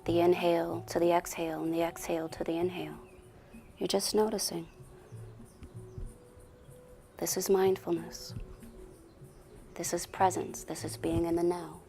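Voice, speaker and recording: There's vocal fry in this woman's lowish, level voice as she leads a soothing guided meditation against background music. She moves deliberately, pauses often and long, and her soft words tend to drift into a whisper.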